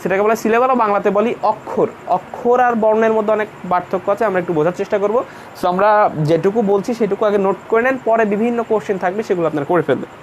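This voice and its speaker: A man's voice: sits high, rapid-fire, slight background noise. A man teaching an English grammar class in Bengali, explaining patiently and going over each point again. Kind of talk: online class lecture.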